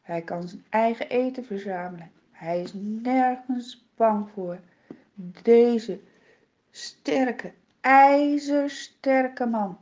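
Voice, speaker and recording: A woman's voice: a little high, extremely slow, darkish tone. A woman telling a Bible story for children in a dramatic, vivid way, repeating words for effect. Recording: dull lo-fi recording.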